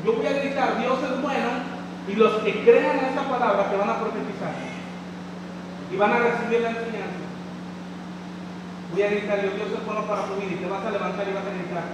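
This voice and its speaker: A man's voice: high voice, steady tone, fairly quick, long pauses, background noise. A male pastor preaching a rousing sermon, calling out to his congregation in a large church. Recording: echoey hall, far from mic. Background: congregation shouting amen.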